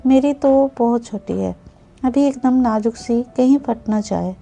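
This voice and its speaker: A woman voicing a timid young newlywed bride who is fearful and pleads softly, in a spoken storybook. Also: on the high side, measured pace, creaky.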